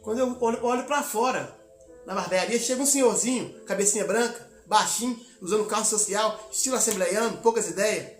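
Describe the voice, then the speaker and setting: Echoey man preaching a lively testimony. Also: high voice, a little fast, faint music behind. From Minas Gerais, Brazil. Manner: lively storytelling, acting out the dialogue; exhorting the congregation. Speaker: missionary preacher. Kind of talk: sermon testimony.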